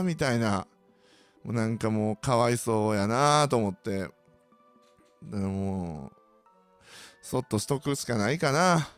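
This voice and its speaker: A man with a Kansai accent hosting a casual monologue, ranting sardonically as he tells his stories to the listeners. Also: mid-range voice. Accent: Kansai Japanese. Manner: ranting, sardonic, animated storytelling. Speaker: host.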